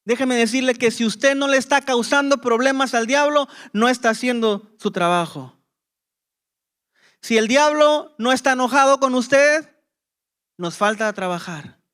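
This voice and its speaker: A man's voice: very high-pitched, measured pace, fairly bright tone, smooth. A man preaching a sermon as pastor, with impassioned emphasis and rhetorical questions to the congregation.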